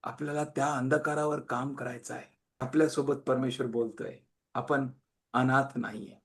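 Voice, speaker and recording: A man preaching a sermon, emphatic, swinging between loud and quiet and repeating phrases in long lists. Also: medium pitch, fairly even intonation, normal speed.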